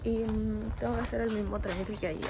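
A young woman in her 20s vlogs casually about her day while doing chores in her small home, holding her phone at arm's length. Her voice is medium-pitched, her intonation fairly even and her pace a little fast, and there's background noise.

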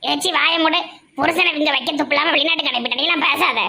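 A woman with a Tirunelveli Tamil accent, playing a loud quarrelsome villager in a comedy sketch. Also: high-pitched, fast, vocal fry.

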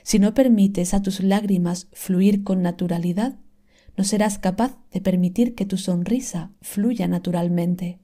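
A woman reading an inspirational text aloud in a calm, scripted manner, slowly and softly, sometimes dropping to a whisper. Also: medium pitch. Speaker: reader of inspirational texts.

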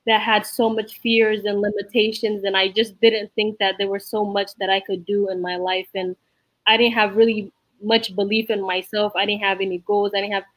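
A woman's voice: mid-range voice, little pitch movement, fairly bright tone, dry recording, poor audio. Earnest young woman sharing her story. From Somalia. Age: 20s. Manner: earnest, reflective, measured. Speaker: youth program member. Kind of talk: personal testimony on a video call. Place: room at home with a whiteboard behind. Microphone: laptop webcam video call.

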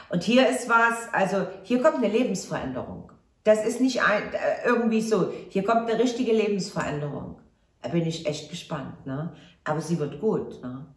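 A woman doing a casual tarot reading to camera, effusive and exclamatory, addressing viewers fondly. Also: on the low side. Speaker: tarot card reader. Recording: roomy echo.

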